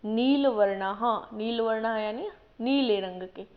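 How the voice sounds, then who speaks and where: A woman teaching a lesson at a slow, deliberate pace, reading each word out and then explaining it. Her voice sits a little high. The recording is dull and lo-fi. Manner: reads each word, then gives its meaning. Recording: dull lo-fi voice-over.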